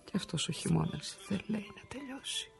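A woman's voice: medium pitch, animated, gravelly, over music. An actress playing a frightened, exhausted immigrant wife of an injured worker, pouring out her fears in a radio drama. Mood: weary, fearful. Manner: emotional, confessional monologue.

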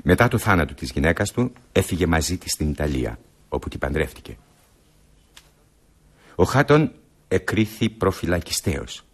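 An actor playing a brusque, scornful high-society husband accused of poisoning his wife, in a radio drama. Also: sing-song, long pauses.

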